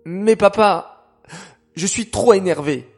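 A man's voice: sits high, slow, creaky, faint music behind, full character voice. A man voicing a grumpy young boy who mumbles and complains in a children's story. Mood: protesting. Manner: sulky, grumbling, loud bursts.

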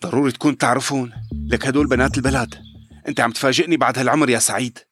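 An actor playing a brave, loyal young villager in a radio drama, talking bluntly and urgently in Levantine Arabic. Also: male voice, mid-range voice, fairly even intonation, very fast, a bit bright, lightly acted. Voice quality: blunt, urgent, insult-laden. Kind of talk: audio drama acting.

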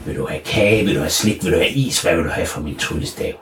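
Evil wizard, voiced by the male narrator; greedy, gloating, croaks like a toad in a kids' story. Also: low-pitched, slight background noise, lightly acted. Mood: wheedling. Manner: bargaining, then cackling and croaking.

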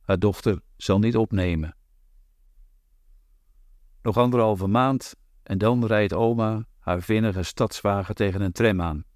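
A man reading a literary novel aloud in a measured, deliberate way. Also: fairly low pitch, darkish tone, dry recording, clean studio sound. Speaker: audiobook narrator.

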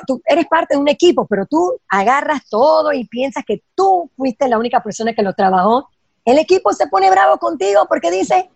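A woman's voice: high voice, darkish tone, no echo. A woman giving spiritual advice in an emphatic way, asking rhetorical questions and dropping in English phrases. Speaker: guest teaching Kabbalah ideas. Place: lives in Los Angeles.

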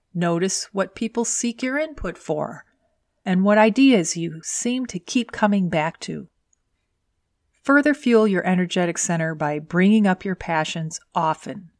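A woman's voice: mid-range voice, no room sound, clean studio sound. A woman hosting a scripted solo advice podcast, coaching in a tidy, orderly, instructional way. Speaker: podcast host and career coach.

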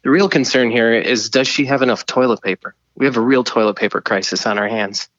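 A man's voice: medium pitch, brisk, a bit bright, no echo, muffled recording. A man playing a flustered, stammering mission control operator, heard over a radio link in a comedy skit.

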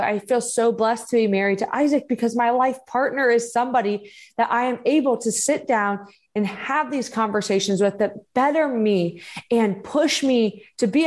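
Encouraging woman podcaster, slightly high voice. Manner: encouraging, earnest. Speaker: podcast host and growth coach. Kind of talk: motivational solo podcast talk.

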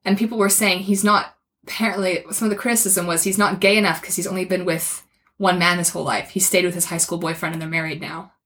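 A woman's voice: fairly low pitch, fairly even intonation, quick pace, fairly bright tone. A woman co-hosting a podcast, opinionated and casual, swearing freely and referencing essays. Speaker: podcast co-host. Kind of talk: casual chat.

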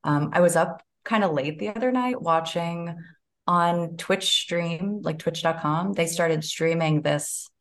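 A woman's voice: fairly low pitch, measured pace. A woman therapist co-hosting a podcast, chatting casually and laughing often.

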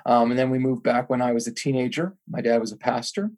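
A pastor who grew up in Thailand answers questions as a podcast guest, speaking earnestly and reflectively about his calling, with some restarts. His medium-pitched, darkish voice moves at a quick pace.

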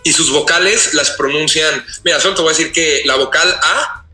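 A Mexican-accented man with a very bright, forceful voice and a slightly raised pitch, telling animated, slangy stories as an interview guest. The room sounds roomy and echoey, with faint music underneath. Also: moderate pace. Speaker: actor guest. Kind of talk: casual interview chat. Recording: roomy echo.

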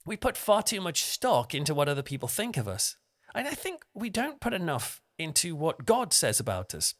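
A man's voice: fairly high pitch, wildly swooping pitch, moderate pace, a bit bright. A young man giving a conversational, self-deprecating devotional talk as a preacher. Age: young adult.

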